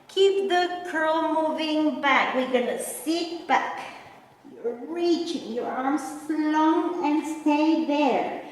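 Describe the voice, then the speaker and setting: A woman working as a Pilates instructor, guiding a mat class with step-by-step cues and counts in a gentle, encouraging manner. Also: high-pitched. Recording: very echoey, reverberant room, distant mic.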